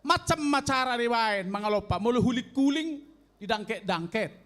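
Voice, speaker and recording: A man in his sixties with a Toba Batak accent, telling a comic story in a slow, drawn-out way to an audience of elders. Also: extremely high pitch, animated, fairly bright tone. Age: 60s. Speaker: elderly stand-up contestant. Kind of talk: stand-up comedy storytelling.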